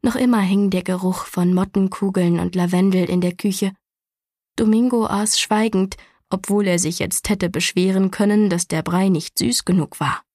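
Calm woman reading a storybook. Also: medium pitch, moderate pace, no echo, studio quality. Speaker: audiobook narrator. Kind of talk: scripted storybook narration.

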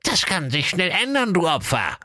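Brief: shrill brash ninja, insulting and cowardly, very high and bright. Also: male voice, huge pitch swings, normal speed, no echo, clean studio sound, full character voice. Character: blustering male ninja, menacing but cowardly. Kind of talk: comic fairy-tale reading.

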